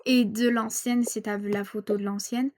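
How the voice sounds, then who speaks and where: A woman's voice: fairly high pitch, level tone, normal speed, darkish tone, lightly acted. A woman doing an inquisitive teenage friend. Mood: curious. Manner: inquisitive, casual. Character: curious teenage girl friend.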